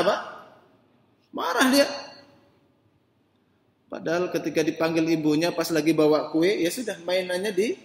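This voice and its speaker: A man preaching a mosque sermon, chatting with the congregation and asking them questions, swinging from quiet asides to loud emphatic rises. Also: on the high side. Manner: conversational, asks the men in the congregation questions directly. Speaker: ustadz preacher. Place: mosque hall. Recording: echoey mosque hall, voice distant.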